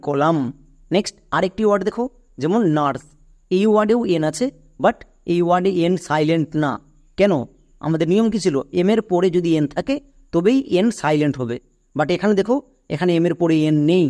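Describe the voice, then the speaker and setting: With a fairly high, darkish voice, a man walks through English phonics one step at a time in classroom style. He's patient, asking his own questions and then supplying the answers.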